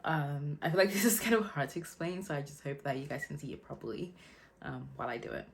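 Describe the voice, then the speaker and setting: A young woman chatting casually through a makeup tutorial, relaxed and loose, with lots of fillers. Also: low-pitched, fast. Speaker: beauty vlogger.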